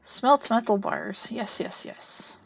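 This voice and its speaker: Her voice is fairly high and creaky, and she takes things slowly over a slight background hiss or hum. The young woman streams a farming game in casual chat, narrating her gameplay and humming to herself.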